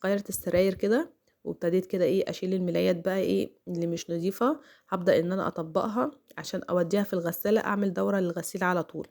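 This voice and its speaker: A woman's voice: on the low side, a little mellow. A middle-aged woman with an Egyptian accent narrating a home routine vlog, chatty and full of fillers, talking straight to her viewers. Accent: Egyptian Arabic. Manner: chatty, many fillers, talks to viewers directly. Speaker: home vlogger. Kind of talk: casual voice-over vlog narration.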